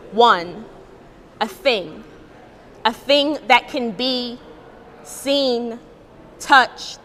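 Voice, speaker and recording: Slow, deliberate female spoken-word poet. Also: a little high, fairly bright tone, slight background noise. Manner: measured, deliberate recitation. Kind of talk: spoken-word poetry performance. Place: art gallery event, indoors.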